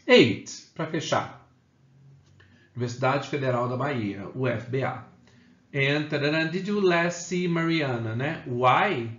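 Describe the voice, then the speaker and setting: Man teaching English grammar in an echoey room. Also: medium pitch. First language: Portuguese. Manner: explains step by step, often adds "né?" and "ok?". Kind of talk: classroom grammar lesson. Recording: echoey room, slightly dull sound.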